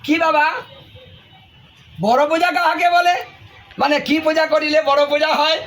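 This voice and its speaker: A curious small boy peppers his father with questions, wide-eyed and eager. A man plays him in the middle of a sermon, with a very high voice, over faint music. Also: fairly even intonation, a little slow, fairly bright tone, exaggerated voice.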